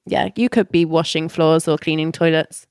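Smooth-voiced young English woman. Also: deep voice, steady tone, moderate pace, darkish tone, dry recording. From Britain. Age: 20s. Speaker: guest. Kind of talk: casual podcast chat.

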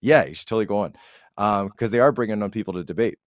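A deep-voiced man rambles fast in a casual, opinionated podcast style, telling animated stories and acting out what people said. The recording is dry and close, with no echo.

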